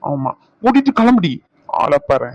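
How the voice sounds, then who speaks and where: A man's voice: a little high, big pitch swings, moderate pace, gravelly, no echo, dull audio, full character voice. A man voicing a teasing, bossy young husband in a cartoon, scolding in banter. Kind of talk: cartoon voice acting.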